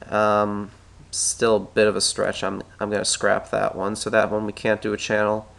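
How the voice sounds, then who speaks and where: With a completely flat delivery at normal speed, a low, gravelly and somewhat bright male voice leads a stock chart walkthrough on screen. The analyst, stuffed up with a cold, keeps clearing his throat, thinking out loud and correcting what he draws.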